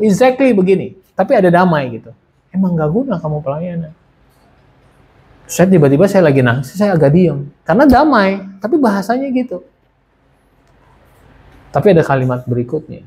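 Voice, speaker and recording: A man's voice: a little high, warm tone, husky. A man giving a casual sermon and personal testimony, often asking and answering his own questions. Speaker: preacher sharing testimony.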